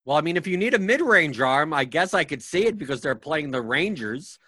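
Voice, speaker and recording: A man's voice: fairly high pitch, big pitch swings, brisk, pushed and bright, slightly rough, dry recording, clean studio sound. A man co-hosting a sports podcast, giving casual, conversational analysis. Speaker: fantasy sports podcast co-host.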